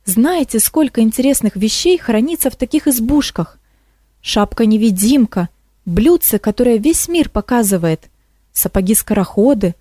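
A woman's voice: on the high side, warm tone, no room sound, clean studio sound. A woman voicing a cheerful, eager female swamp kikimora who pleads and enthuses, in a storybook reading.

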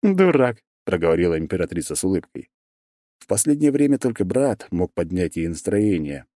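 A man reading an audiobook as narrator, with expressive storytelling. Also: sits low, fast talker, no room sound, clean studio sound. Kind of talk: scripted narration.

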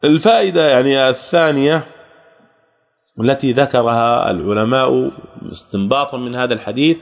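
A man with a Jordanian Arabic accent giving a religious lesson, repeating key phrases and asking the class rhetorical questions. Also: mid-range voice. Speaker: religious teacher. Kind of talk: Islamic jurisprudence lesson. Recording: archival hall recording, dull lo-fi sound.

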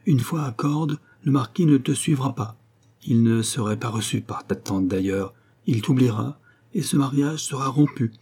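A man reading the part of an aristocratic mother in an audiobook, pleading her case with measured, earnest persuasion. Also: medium pitch, darkish tone, breathy edge. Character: devoted aristocratic mother, middle-aged woman, calm and firm.

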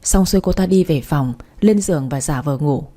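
A woman narrating a story in a steady, even reading voice. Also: low-pitched, normal speed.

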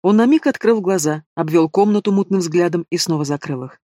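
A man's voice: sits high, fairly quick, warm tone, no echo, clean studio sound. Man narrating an audiobook. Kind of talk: scripted narration.

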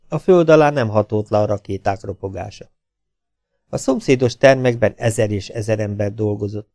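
Dark-voiced man reading an audiobook. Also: fairly low pitch, no echo, studio quality. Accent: Hungarian. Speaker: audiobook reader. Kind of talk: audiobook narration.

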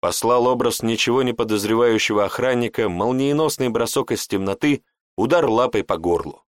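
A man narrating a fantasy audiobook in an even storytelling manner. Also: medium pitch, fairly quick, no room sound, studio quality. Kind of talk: scripted narration.

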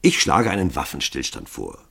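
A man doing a calm, courteous assassin chief. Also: extremely low pitch, moderate pace, creaky, slightly rough, voice pushed down, heavily acted. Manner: calm, polite, controlled.

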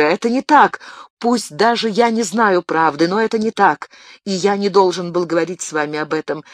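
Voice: mid-range voice, no echo, clean studio sound, voice pushed up, lightly acted. A reader voicing a tormented young nobleman. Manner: agitated, anguished outbursts. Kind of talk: audiobook character reading.

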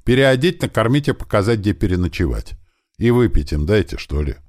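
A man voicing a brisk male fighter giving loud orders in an audiobook, his voice raised a little above his own. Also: low voice, animated, dry recording, clean studio sound. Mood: commanding.

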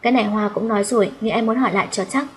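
A gentle young woman who speaks softly and politely, as a woman narrator reads her part. The reading is plain and unhurried audiobook style. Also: medium pitch, breathy edge. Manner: soft-spoken, polite.

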